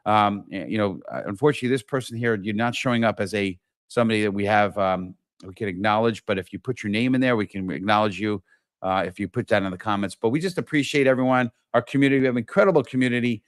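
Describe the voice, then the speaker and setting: A middle-aged man hosts a live-stream talk show, talking to viewers enthusiastically and repetitively, with frequent restarts. His voice is on the low side and fast, recorded at studio quality with no echo.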